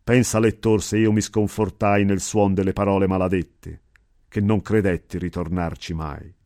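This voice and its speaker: Low-voiced man reciting epic verse. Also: steady tone, darkish tone, no room sound, studio quality. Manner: measured, solemn reading. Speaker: reader.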